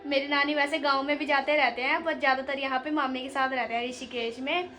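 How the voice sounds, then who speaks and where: A woman's voice: sits high, fairly even intonation, fairly quick, sharp tone. A young woman from Uttarakhand, chatting casually to her viewers as she walks around with a phone camera. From Uttarakhand, India. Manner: chatty, addresses viewers directly, calls them bhai. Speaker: vlogger. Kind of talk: casual walking vlog. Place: house and streets in a hill town, indoors and outdoors.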